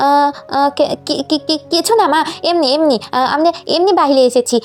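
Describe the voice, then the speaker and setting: A woman's voice: high voice, fairly quick, natural voice. A woman voicing mischievous little twin schoolgirls who plead and whine in a puppet story. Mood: stammering. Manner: pleading, whiny, stammering.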